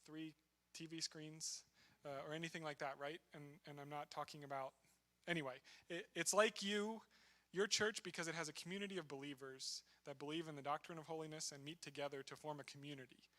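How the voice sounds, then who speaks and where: A man's voice: on the high side, steady tone, fairly quick, sharp tone. A man speaking as a missionary at a church, telling his story in a conversational, self-deprecating way. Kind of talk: church talk with testimony. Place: church sanctuary.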